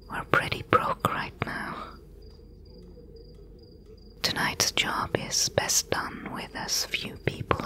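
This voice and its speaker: A woman voicing a wry, bossy thief mentor in a breathy, hushed whispered role-play, giving instructions. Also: natural voice.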